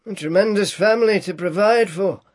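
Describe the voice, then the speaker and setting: A man voicing an old male miser, timid and submissive, with a strained, high, pleading delivery. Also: normal speed, no room sound.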